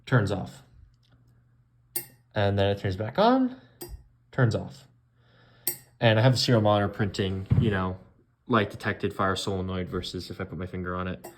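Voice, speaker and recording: Casual young man showing off a gadget. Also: fairly low pitch. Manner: informal, rambling, with fillers and trailing off. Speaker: hobbyist demonstrating an electronics project. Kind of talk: casual show-and-tell.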